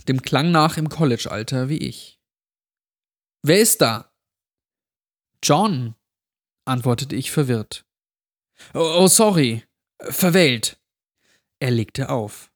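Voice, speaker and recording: A man narrating a first-person horror story in a calm, hushed storytelling manner. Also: mid-range voice, no echo, clean studio sound. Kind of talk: first-person creepypasta reading.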